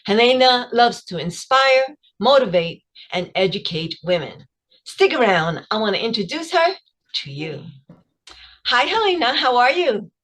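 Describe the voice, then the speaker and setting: A woman's voice: a little high, very animated, measured pace, a bit bright. A woman hosting a podcast interview, giving upbeat scripted introductions and short prompts to her guest. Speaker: podcast host.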